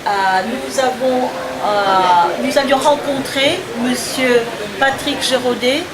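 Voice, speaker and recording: A woman's voice: high-pitched, slow. Hesitant woman at a noisy street rally. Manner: hesitant, many fillers. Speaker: spokeswoman for an activist collective. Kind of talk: street interview. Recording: outdoor crowd noise. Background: crowd.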